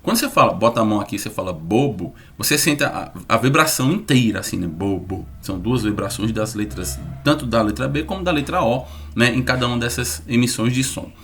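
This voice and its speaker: A man teaching an online lesson, lively and repeating sounds slowly to demonstrate them. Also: medium pitch, faint music behind.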